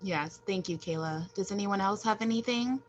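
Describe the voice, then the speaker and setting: A woman moderating a panel on a video call, reading out audience questions in a soft-spoken way. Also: mid-range voice, moderate pace. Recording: muffled video call audio.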